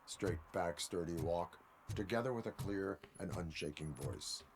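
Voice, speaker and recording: Male, low steady voice, stoic robot policeman training a rookie, formal game dialogue, faint ambient noise. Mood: steady, instructive. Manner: formal, deliberate, steady and unshaking instruction.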